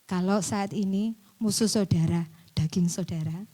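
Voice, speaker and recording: A woman preaching a sermon, dropping to near-whispers and then rising to loud, emphatic bursts, laughing now and then. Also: medium pitch, normal speed, breathy edge. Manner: laughs between points, mixes in local slang.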